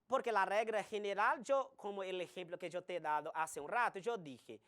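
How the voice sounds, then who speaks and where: A woman teaching a recorded Spanish grammar lesson, slowly spelling out examples. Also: mid-range voice, a bit bright. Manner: slow, deliberate explanation with spelled-out examples.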